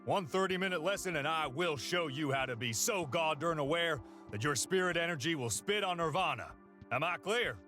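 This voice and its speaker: A man's voice: a little high, lively intonation, normal speed, sharp tone. An actor playing a menacing, bossy male yogi guru in a game. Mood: stern, bossy. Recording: game music behind the voice.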